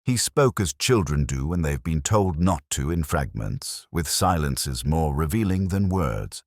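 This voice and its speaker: This very deep male voice belongs to a tired police inspector recounting his case in scripted first-person narration for an audio mystery. He speaks in careful, literary sentences, brooding and reflective, his pitch moving animatedly and his tone a bit dark. The performance is heavily acted, recorded close with no room sound.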